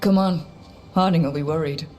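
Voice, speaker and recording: A woman's voice: low voice, fairly even intonation, moderate pace, darkish tone, soft background music, natural voice. A woman voicing a determined game heroine. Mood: urging.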